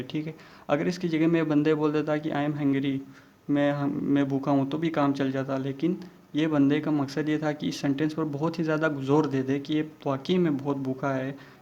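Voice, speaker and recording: A male teacher talks through a lesson in a slightly high, level voice with little rise and fall. He mixes English terms into his Hindi-Urdu explanation and reads English example sentences slowly. The recording sounds dull and lo-fi. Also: darkish tone. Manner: keeps repeating "okay" as a check-in.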